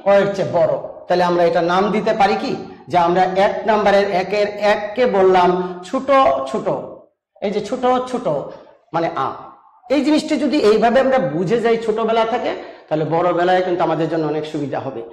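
A man's voice: high voice, fairly quick, a little mellow, roomy sound. A man teaching a grammar lesson, explaining patiently step by step and asking rhetorical questions. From Bangladesh.

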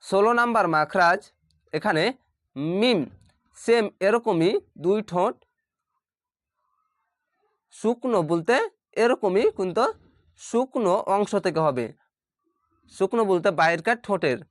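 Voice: medium pitch, animated, dry recording. Patient pronunciation teacher, dry sound. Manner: patient, explains slowly and repeats each sound aloud. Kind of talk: step-by-step pronunciation lesson. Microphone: facing the camera.

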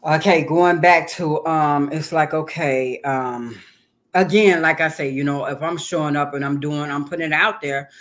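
A woman's voice: sits low, fairly even intonation, moderate pace. A woman guest on an interview show, talking casually and earnestly, repeating phrases for emphasis. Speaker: guest, hip hop artist and author.

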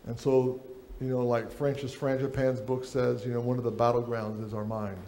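A man's voice: mid-range voice, flat delivery, normal speed, dark tone, slight background noise. A middle-aged man preaching a sermon on a church stage, reading aloud from a book at a lectern.

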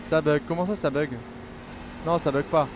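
Chatty, fairly high-voiced male streamer. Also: normal speed, noisy background. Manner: chatty, reading chat aloud; excitable, loose slang. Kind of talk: casual live-stream chat while gaming.

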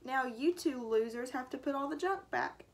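A woman's voice: high voice, normal speed. A woman voicing a cocky, boastful young boy in a storybook read-aloud. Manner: excited, boastful.

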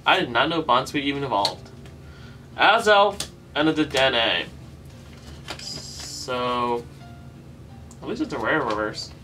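Slow-talking pack-opening host. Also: medium pitch, animated, pushed and bright, distant mic, faint music behind. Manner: rattles off card names, groans at poor pulls. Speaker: YouTube host opening trading card packs. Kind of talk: casual pack-opening commentary.

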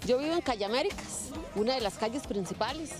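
A woman's voice: on the high side, expressive, fast talker. Costa Rican woman chatting outdoors. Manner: explanatory, conversational with restarts. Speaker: neighborhood resident interviewee. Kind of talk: casual interview. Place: outdoors in a park. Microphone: handheld reporter mic. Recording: music bed behind.

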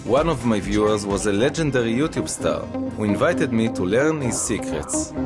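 A young man with an Israeli accent narrating his own documentary in a deadpan, self-mocking way. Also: on the low side, normal speed, over loud music. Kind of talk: wry first-person documentary narration.

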